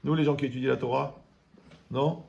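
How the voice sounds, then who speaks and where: A man giving a lively Torah class, joking and asking his audience questions. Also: medium pitch, a little fast, vocal fry, lo-fi sound. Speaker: Torah teacher.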